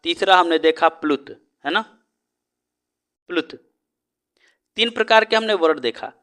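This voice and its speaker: Bright, clear-voiced male teacher. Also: fairly high pitch, expressive, unhurried. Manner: asks rhetorical questions and answers them himself; keeps adding a checking "है ना?". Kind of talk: exam-prep lesson.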